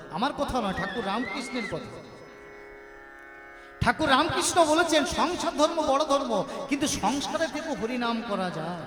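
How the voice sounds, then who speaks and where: A man preaching a devotional sermon between sung verses, asking his listeners rhetorical questions and calling out for responses. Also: very high-pitched. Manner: call-and-response with the audience. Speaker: kirtan singer and preacher. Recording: roomy echo with long reverb. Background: devotional music playing.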